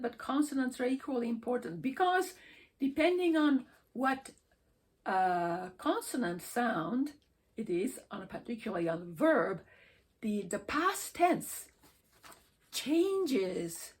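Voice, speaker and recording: A woman teaching English pronunciation, slowly sounding out words and endings for her students to repeat. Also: a little high, sing-song. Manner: slow, deliberate, repeats sounds for practice. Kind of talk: pronunciation lesson.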